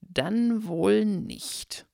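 Man voicing a sly goblin banker, gravelly, swooping pitch, slow sneering drawl, audiobook. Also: lively intonation, a little mellow, no room sound, clean studio sound, full character voice. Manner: slow, drawn-out, sneering delivery. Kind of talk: audiobook character voice.

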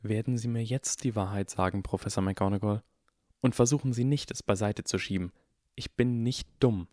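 A man's voice: fairly low pitch, normal speed, darkish tone, no room sound, clean studio sound, natural voice. A man voicing a clever eleven-year-old boy who talks in a cold, icy and precise way in an audiobook. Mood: pressing.

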